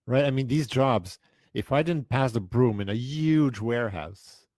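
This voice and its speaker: A man's voice: medium pitch, lively intonation, measured pace, a little mellow, dry recording. A man in his fifties hosting a casual chat, talking emphatically and rambling with restarts. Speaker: podcast host.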